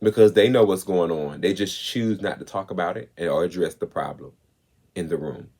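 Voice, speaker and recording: A man hosting a commentary show, talking with emphasis and slowing down to stress his points. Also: deep voice, a little mellow. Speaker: host. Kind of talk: commentary on clips.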